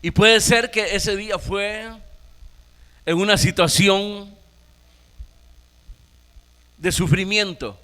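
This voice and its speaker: A Nicaraguan pastor preaching a sermon, emphatic, firing rhetorical questions at the congregation. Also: male voice, high-pitched, slow, long pauses, pushed and bright, big-room sound.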